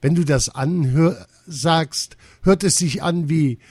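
Ein neckendes junges Mädchen, das ein Mann mit angehobener Stimme spielt, hell und vorlaut in einer Geschichte erzählt. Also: male voice, a little high, takes it slowly, a little mellow, slightly rough, no room sound, pitched above the performer's own voice. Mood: cheeky. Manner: cheeky, teasing. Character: cheeky young circus girl.

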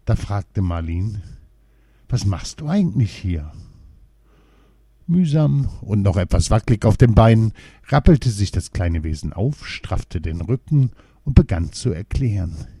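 A man reading a children's story aloud in a calm, measured storybook narration. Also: lowish voice, breathy edge, no room sound, studio quality.

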